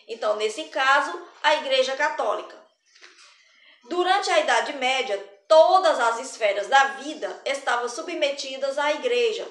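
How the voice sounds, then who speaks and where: High-voiced woman teaching, roomy echo. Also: fairly bright tone. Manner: chatty and explanatory, frequent hesitations and restarts. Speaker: arts teacher. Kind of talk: explaining a recorded lesson.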